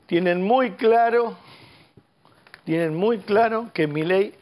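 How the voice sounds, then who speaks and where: An Argentine man with an Argentine Spanish accent delivers a fiery political editorial from a TV studio panel. His voice sits high, and he talks emphatically, swears freely and speaks straight to the person he is criticizing. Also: takes it slowly, a little mellow. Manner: emphatic, swearing, angry, addresses the listener directly. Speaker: host, political commentator.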